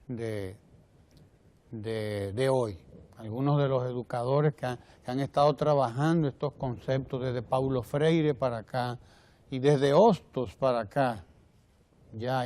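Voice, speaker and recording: Dominican male TV commentator, measured, repeats phrases, dark tone. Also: mid-range voice. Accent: Dominican Spanish. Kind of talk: televised opinion commentary. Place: TV studio.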